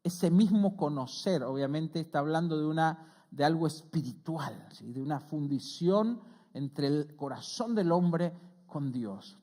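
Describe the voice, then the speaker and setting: Earnest Argentine pastor preaching conversationally. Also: male voice, lively intonation, a little slow, dark tone. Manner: earnest, conversational preaching with frequent "¿sí?" check-ins; rises in pitch and volume when quoting scripture. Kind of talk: sermon.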